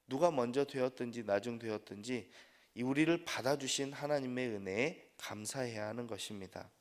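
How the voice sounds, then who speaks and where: A man preaching as pastor at an early-morning prayer service, earnest, rising on key phrases and trailing off softly at the ends of sentences. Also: medium pitch. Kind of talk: sermon. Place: church sanctuary. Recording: long church hall reverb.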